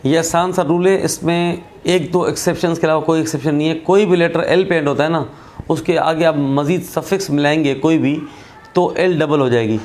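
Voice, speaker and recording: Male tutor, slightly high voice, patient and repetitive, for a recorded spelling lesson. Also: fairly even intonation, normal speed, a little mellow. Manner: patient, repeats points, checks in with "theek hai". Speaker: English teacher.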